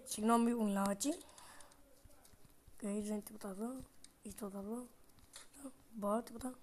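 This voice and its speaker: A woman giving excitable let's-play commentary on a horror game, talking back to the game, swearing and dropping to mutters. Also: a little high. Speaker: gaming video creator.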